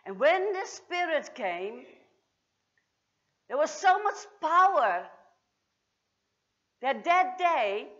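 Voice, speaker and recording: Woman as Mary Magdalene, dramatic monologue, lively high voice, slow, church recording. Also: lo-fi sound. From Australia. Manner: theatrical, swings from hushed to exultant. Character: Mary Magdalene, grieving then joyful woman. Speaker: storyteller performing a monologue. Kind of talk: dramatic first-person biblical monologue.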